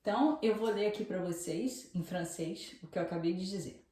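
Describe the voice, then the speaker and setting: A woman teaching beginners French, speaking slowly and clearly, repeating each word and often checking that students follow. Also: mid-range voice, dark tone. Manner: slow, clear repetition with frequent "tá?" checks. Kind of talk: beginner language lesson. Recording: very echoey room, voice from a distance.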